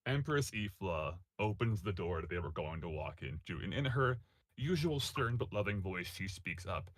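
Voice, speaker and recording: A man narrating a tabletop game as game master, halting and correcting himself at times. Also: sits low, very animated, a bit bright, dry recording.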